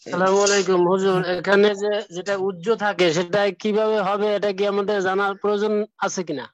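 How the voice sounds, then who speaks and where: A man's voice: sits high, flat delivery, a little fast, muffled recording. A male student asking his teacher a question politely.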